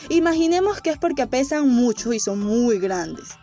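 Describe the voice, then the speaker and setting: A woman teacher with a high, bright voice walks young children through a grammar lesson. She speaks slowly and clearly and explains with playful pictures. Soft music plays faintly under her voice. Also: expressive.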